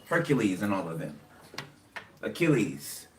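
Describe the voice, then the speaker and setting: A man talks through a tarot reading in a loose, rambling way, padding his thoughts with "okay" and "you know." His voice sits a little low. He is heard from some distance over steady background noise, with birds chirping nearby. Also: measured pace. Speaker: tarot card reader. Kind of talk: casual tarot reading monologue.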